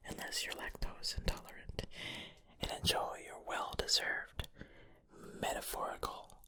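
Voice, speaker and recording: An ASMR host whispers a pep talk of affirmations, breathy and playfully tongue-in-cheek in her encouragement. The pace is a little slow, and the tone comes across bright and forceful.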